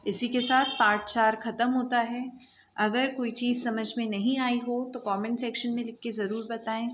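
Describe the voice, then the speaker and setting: A woman teacher reading out a lesson for young children, pronouncing each word slowly and repeating it with emphasis. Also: on the high side, level tone, a little hiss or hum, rough recording. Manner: slow, drawn-out word-by-word pronunciation.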